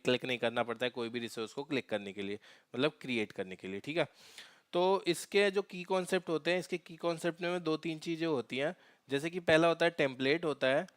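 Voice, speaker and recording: A man walks through a cloud tutorial on a screen share, pausing often on fillers and restarting his sentences. His voice sits fairly high and comes across smooth and resonant. The recording is close and dry. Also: no room sound. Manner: halting, many fillers and restarts. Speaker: DevOps tutorial instructor.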